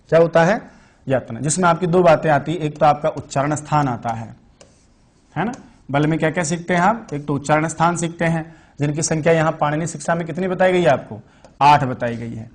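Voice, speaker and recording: Higher-voiced man teaching an online class. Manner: asks the class questions and answers them himself; repeats key terms, stresses them. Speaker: Sanskrit teacher. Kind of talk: online exam-prep lecture.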